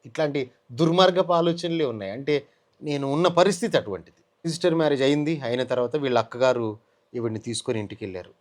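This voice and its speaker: Speaking fast in a mid-range voice, a Telugu-accented man tells his story during an interview. It's an emotional testimony, delivered animatedly, with him acting out the words of others.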